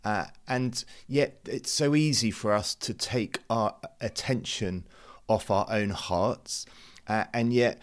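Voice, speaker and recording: Male podcast host from the UK, earnest and conversational, devotional talk with plenty of fillers. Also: fairly low pitch. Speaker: youth ministry podcast host.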